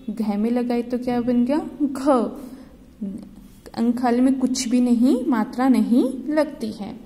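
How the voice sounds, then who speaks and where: A woman teaching young children a Hindi phonics lesson, asking questions and answering them herself, drawing out words slowly. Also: a little high, warm tone, in a large hall.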